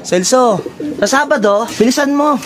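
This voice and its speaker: A man vlogging about his racing pigeons outdoors, talking excitedly in a running commentary, sweaty and out of breath. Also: very high-pitched, moderate pace. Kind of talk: casual vlog commentary. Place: outdoors at a backyard pigeon loft. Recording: noisy outdoor recording.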